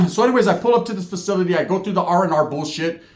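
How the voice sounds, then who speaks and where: A man's voice: sits high, very fast, a little mellow, roomy sound. A man telling a story about his time in prison, streetwise and profane, full of slang and asides. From California. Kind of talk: casual storytelling.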